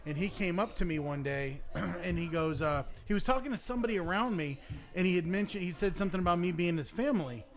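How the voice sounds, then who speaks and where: A man's voice: high-pitched, lively intonation, fast talker. A man co-hosting a casual green room chat, telling a personal story and chiming in eagerly. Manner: chatty, eager backchannelling. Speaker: co-host. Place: comedy club green room.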